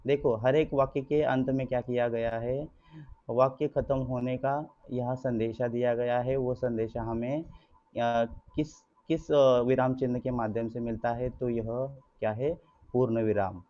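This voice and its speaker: A man teaching an online grammar lesson to schoolchildren, his voice sitting at an ordinary middle pitch. He speaks in a patient, explanatory way, constantly asking rhetorical questions and answering them himself. The recording is dull and lo-fi. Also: steady tone, measured pace, warm tone. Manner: addresses pupils as children, patient and explanatory.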